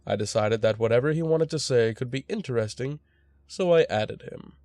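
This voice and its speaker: A man's voice: medium pitch, normal speed, darkish tone. A young man narrating a true scary story in a casual, wry storytelling voice.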